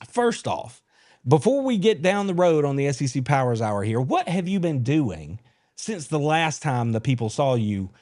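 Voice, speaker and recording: A man's voice: fairly high pitch, normal speed. A man hosting a live sports podcast, chatting in a folksy, teasing way. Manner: animated, folksy, teasing banter. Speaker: podcast host. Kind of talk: casual live-stream sports chat.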